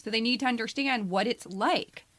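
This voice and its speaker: A podcast co-host in her fifties, speaking as a frank, direct storyteller, narrates a scripted personal essay and follows it with casual banter. Her voice is on the high side and fairly bright, delivered at a moderate pace in a dry recording.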